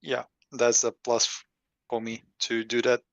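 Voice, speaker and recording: A man's voice: medium pitch, monotone, measured pace, creaky, dry recording. A man playing a tabletop game over voice chat, speaking loosely with lots of filler words. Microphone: mic on a voice call with internet lag. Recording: dull lo-fi voice-call audio.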